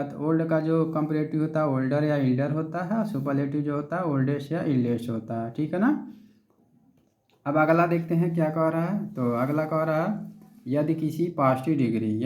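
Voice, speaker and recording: A man's voice: fairly high pitch, a little mellow. Man teaching grammar in an echoey room. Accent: Indian. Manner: explains step by step, with frequent check-ins asking if it is clear. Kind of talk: Hindi lecture on English grammar.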